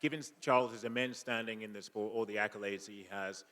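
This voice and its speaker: A male reporter asks a question at a press conference. His voice sits on the low side and barely moves in pitch. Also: steady tone, fairly quick, fairly bright tone.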